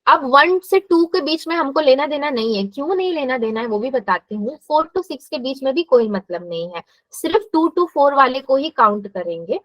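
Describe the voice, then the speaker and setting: A woman's voice: high-pitched, dry recording, poor audio. A woman math teacher giving a live classroom lesson, explaining step by step and asking her students questions.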